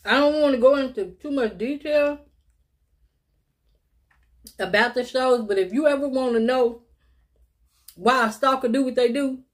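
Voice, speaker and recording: A woman's voice: high voice, measured pace, pauses often. A woman, chatting casually to viewers while eating in a mukbang vlog, calling them y'all and little sis. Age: 50s. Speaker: mukbang vlogger.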